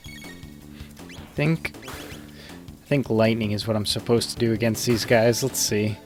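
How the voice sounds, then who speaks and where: A man's voice: lowish voice, slow, music in the background. A man giving casual, rambling live commentary as he plays a video game, thinking aloud.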